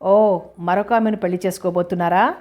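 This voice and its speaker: A woman's voice: lowish voice, steady tone, brisk, highs cut off, close to an everyday voice. A woman voicing a young working woman who speaks in a direct, curt way. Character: young working woman, proud and sharp-tongued.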